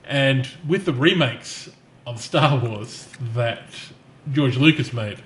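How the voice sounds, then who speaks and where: A man co-hosting a podcast, ranting in casual chat with animated restarts. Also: mid-range voice, slow. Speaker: podcast co-host.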